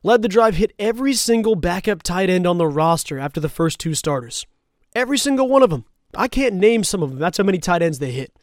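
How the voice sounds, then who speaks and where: High-voiced excited sports talk host. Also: male voice, no echo, clean studio sound. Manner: excited and emphatic, quick asides.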